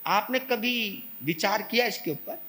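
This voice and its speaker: Man preaching slow and bright, voice rings in a big echoey hall. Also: high-pitched. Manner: lively, swings from loud to soft, acts out quarrels. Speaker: Jain monk giving a discourse. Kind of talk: sermon.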